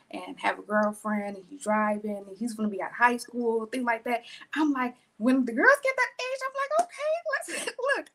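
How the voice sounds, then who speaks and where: A woman in her thirties, co-hosting a podcast in casual chat, rambling through family stories and laughing as she talks. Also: medium pitch. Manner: warm-hearted, rambling, laughs while talking. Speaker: podcast co-host.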